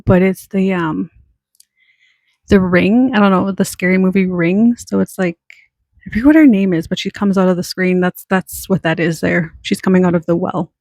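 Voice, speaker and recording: Chatty young woman, gravelly and dry. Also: mid-range voice, a little mellow, dry recording. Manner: chatty, rambling, self-deprecating. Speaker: planner vlogger. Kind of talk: casual planner walkthrough.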